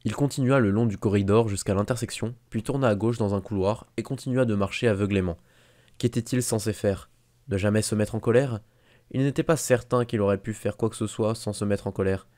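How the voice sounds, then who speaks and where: Low, mellow male audiobook narrator. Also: fairly quick, dry recording. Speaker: audiobook reader.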